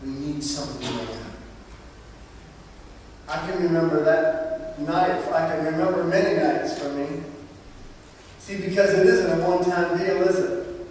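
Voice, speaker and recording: A man preaching a sermon in a church, telling stories with lively, dramatic delivery. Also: a little high, a little slow, long pauses, slight background noise. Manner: animated storytelling preacher, acts out voices. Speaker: pastor. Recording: distant mic in a reverberant church.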